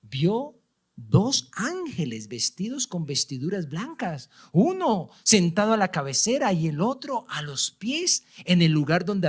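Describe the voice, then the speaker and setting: Male Colombian pastor, measured, unhurried sermon delivery with wide melodic swings and whispered asides. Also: high voice. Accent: Colombian Spanish. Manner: dramatic, swings from loud emphasis to hushed whispers. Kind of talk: sermon reading scripture aloud. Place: church.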